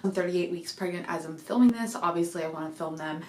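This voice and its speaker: A woman's voice: fairly low pitch, fast talker, darkish tone, reverberant, a little hiss or hum. A young woman chatting casually to camera in a rambling home vlog, a little out of breath, with lots of fillers. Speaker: vlogger. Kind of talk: casual pregnancy update vlog. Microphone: desk microphone.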